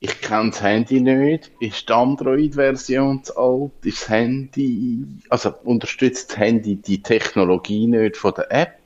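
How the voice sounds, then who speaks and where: A man co-hosting a casual tech radio chat, quick and offhand. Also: medium pitch, a little mellow, muffled recording. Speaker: radio tech show co-host.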